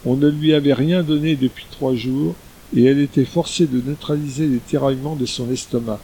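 Man, audiobook narrator, steady storytelling, mellow warm tone, mid pitch. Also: a little fast, slight background noise, rough recording. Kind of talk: scripted narration.

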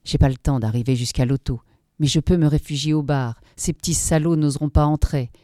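A man's voice: fairly high pitch, steady tone, fairly quick, warm tone, dry recording, studio quality, natural voice. A woman voicing an older man on the run from a gang, crying out in panic and begging for help. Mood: tense. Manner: panicked, pleading cries. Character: hunted older man fleeing a street gang.

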